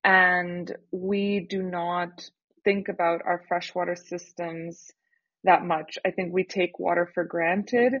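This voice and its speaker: Young woman, earnest startup founder type, husky timbre, dry dull studio recording. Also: fairly low pitch, dry recording. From Canada. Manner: earnest, lively, with filler pauses. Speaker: startup founder, podcast guest. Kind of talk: casual interview talk.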